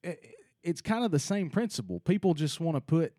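A man's voice: on the high side, big pitch swings, brisk, warm tone, no echo, studio quality. A man hosting a casual faith discussion, earnest and thinking aloud with many restarts.

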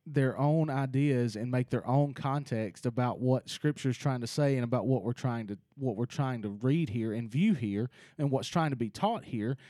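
A man's voice: mid-range voice, moderate pace, hardly any pauses, mellow, dry recording, clean studio sound. A man hosting a casual faith discussion, earnest and thinking aloud with many restarts.

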